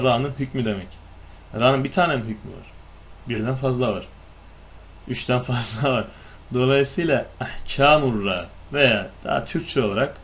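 A man's voice: medium pitch, a bit bright, a little hiss or hum. A man giving a lesson on recitation rules, asking and answering his own questions and demonstrating how words are pronounced. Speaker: Quran recitation teacher. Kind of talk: explanatory lesson.

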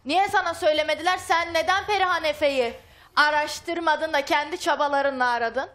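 High-voiced challenging woman. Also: brisk, fairly bright tone. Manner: accusing, challenging with questions. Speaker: guest on a family talk show. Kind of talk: heated argument. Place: TV studio.

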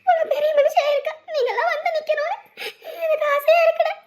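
Woman playing a high-voiced village mom, fast and teary-eyed pleading. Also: a bit bright. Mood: tearful joy. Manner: pleading, laughing through tears. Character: anxious village mother, tearful and eager. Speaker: mother of the girl. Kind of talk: village drama acting.

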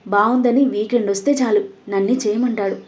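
A woman's voice: fairly high pitch, fairly even intonation, brisk, darkish tone, close to an everyday voice. A woman voicing a young man, a best friend who teases and complains. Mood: grumbling. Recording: dull lo-fi audio.

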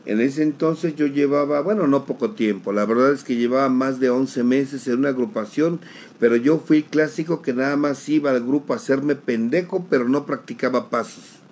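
A middle-aged man, giving an emotional personal testimony at a recovery group, slowly, repeating phrases for emphasis. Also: mid-range voice, a little mellow, slight background noise, rough recording. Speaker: sharer at a recovery group meeting.

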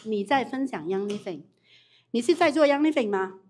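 A woman runs a live business training, her voice sitting a little high. She is animated, asks the room questions and restarts her sentences often, talking straight to the people in front of her. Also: moderate pace, a little hiss or hum. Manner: animated, repeats questions to the audience, frequent restarts. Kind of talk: live training talk with audience Q&A.

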